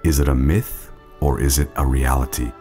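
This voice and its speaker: A man's voice: a bass voice, fairly even intonation, normal speed, warm tone, faint music behind. A man narrating a nature documentary from a script.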